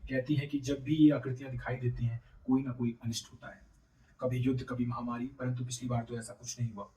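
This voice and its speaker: A man voicing a gentle, restrained young village woman in a read-aloud play, recorded in a roomy space away from the mic. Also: medium pitch, level tone, fairly quick, recorded from a distance, natural voice.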